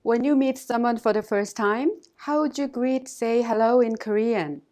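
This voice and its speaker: Higher-voiced woman teaching a language lesson. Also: a little mellow. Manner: measured, instructive, models phrases for repetition. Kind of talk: scripted lesson narration.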